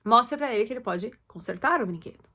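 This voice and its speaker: A woman's voice: fairly high pitch, animated, fast talker, pushed and bright. A woman gives casual advice to parents, chatty and loose, with many fillers and self-corrections. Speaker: host talking to parents.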